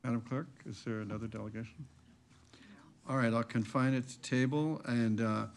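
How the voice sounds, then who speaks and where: Man chairing a council session, gravelly voice, polite and procedural. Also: medium pitch, fairly even intonation, moderate pace, slight background noise. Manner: courteous, procedural, with many fillers. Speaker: meeting chair.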